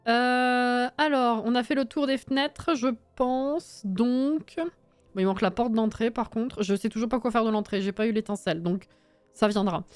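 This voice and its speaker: A woman's voice: fairly high pitch, moderate pace, clean tone, no room sound. A young woman chatting casually on a live stream while building in a game, reading chat aloud, swearing and laughing often.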